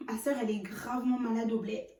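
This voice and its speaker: A young man begs in a small, soft, whiny voice, as a woman puts him on in her storytime. The voice sits high. It sounds roomy, with the mic at some distance. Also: steady tone, quick pace, close to an everyday voice. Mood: pleading.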